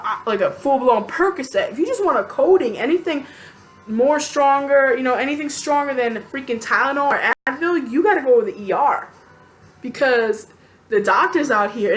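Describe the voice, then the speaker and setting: A woman telling a personal story to camera in a casual, animated, chatty way, venting bluntly and acting out quotes. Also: high-pitched. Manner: animated, chatty, lots of fillers and acted-out quotes.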